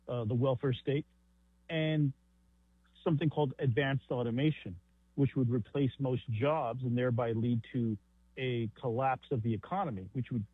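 A husky-voiced man explains at length as an author and journalist on a radio call-in. His voice comes through a thin, narrow AM-radio-like phone line with no room sound. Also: medium pitch, no echo. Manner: long explanatory answers with occasional fillers. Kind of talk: radio interview answer.

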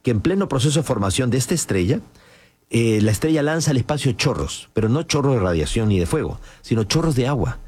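A man's voice: mid-range voice, big pitch swings, fast talker, darkish tone, breathy edge. A man appearing as an author guest on a radio show, explaining things in a storytelling manner.

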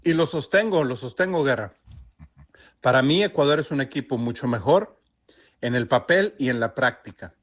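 A man's voice: mid-range voice, expressive, moderate pace, highs cut off. A man from Mexico, living abroad, sending a firm, critical voice message to a radio show. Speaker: listener in a voice message. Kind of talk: sent voice message about football.

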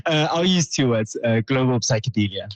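A man's voice: mid-range voice, expressive, moderate pace, dry recording, poor audio. A young man who grew up in London, a band member answering in a friendly, easygoing way. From London, England. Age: young adult. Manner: friendly, laughing easily. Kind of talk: casual interview answers.

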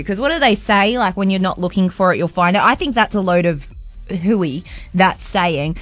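A woman's voice: mid-range voice, a bit bright, no room sound. An Australian woman hosting radio in a chatty, colloquial, casual way. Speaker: radio host. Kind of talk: casual radio chat and live ad reads.

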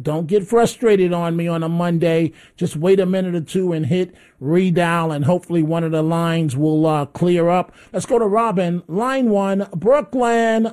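A man's voice: sits high, darkish tone. A man hosting a call-in radio show, giving opinionated commentary and pressing callers impatiently.

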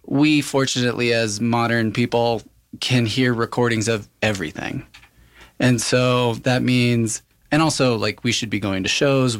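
A young man from rural New Mexico, a quartet musician answering radio interview questions in a thoughtful, searching way. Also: fairly low pitch.

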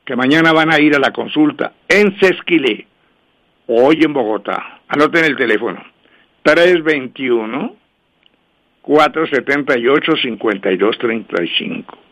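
A man hosts a radio call-in program and reels off lottery numbers for each star sign. He talks in a brisk, repetitive patter, then slows right down so listeners can write each number down. His voice sits at a middling pitch for a man. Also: animated, fairly bright tone. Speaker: radio host and numerologist. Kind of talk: radio call-in show, dictating lucky numbers.

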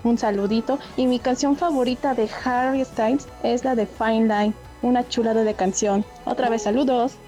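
A woman's voice: on the high side, fairly even intonation, normal speed, mellow, soft background music. A woman in her twenties with a Mexican Spanish accent, friendly and chatty in a radio voice note. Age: 20s. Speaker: caller sending a voice note.

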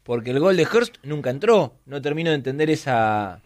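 A man co-hosting an interview, careful and measured as he lays out his point. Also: fairly high pitch, very animated. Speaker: co-host. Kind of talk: casual interview.

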